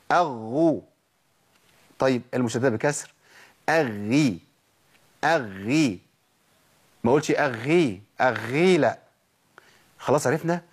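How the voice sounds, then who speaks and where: A man with an Egyptian accent leads a Quran pronunciation lesson, his voice a little husky and sitting at an ordinary middle pitch. He works through each sound patiently, repeating syllables slowly so students hear the right and wrong forms. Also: darkish tone. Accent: Egyptian Arabic. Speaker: Quran recitation teacher. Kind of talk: tajweed lesson, demonstrating letter sounds.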